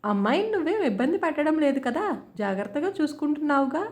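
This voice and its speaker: A woman voicing a gentle, caring middle-aged mother-in-law who speaks affectionately in a told story. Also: high-pitched, big pitch swings, quick pace, pitched above the performer's own voice. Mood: tender, concerned. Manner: affectionate, concerned. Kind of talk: storybook character voice.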